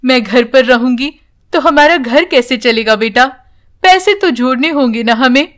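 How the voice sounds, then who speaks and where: A woman voicing a gentle but firm working mother in a cartoon, speaking in a soothing, reassuring way. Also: sits high, moderate pace, close to an everyday voice. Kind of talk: cartoon voice acting.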